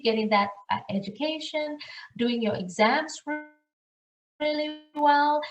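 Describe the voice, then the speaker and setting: A woman from Sri Lanka who directs international programs, giving earnest advice in a webinar presentation and asking the audience questions. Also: on the high side. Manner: earnest, advising, rhetorical questions. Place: room, recorded for an online webinar. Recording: echoey room, far from the mic.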